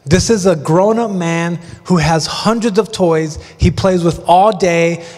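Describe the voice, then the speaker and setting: A middle-aged male pastor preaching a sermon in a large church, telling chatty, self-deprecating stories with animated asides. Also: high voice, unhurried. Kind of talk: sermon with humorous storytelling. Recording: long church hall reverb.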